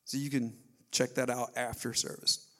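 A man preaching a sermon as pastor, in an energetic, conversational way. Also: mid-range voice, moderate pace.

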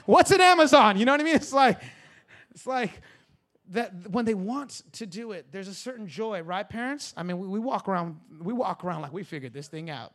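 A man in his forties, a pastor preaching a sermon in a repeating, rising cadence that climbs toward shouting. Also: sits high. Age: 40s. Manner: builds to near-shouting, repetitive preaching cadence.

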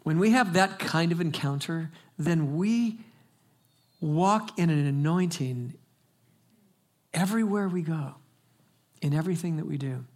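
An older pastor preaches a sermon with a slightly higher-than-usual pitch. He tells his story emphatically and dramatically, pushing loud and then dropping soft, speeding up and then slowing down. He delivers it to a church congregation. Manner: emphatic, dramatic storytelling with big swings in volume and pace.

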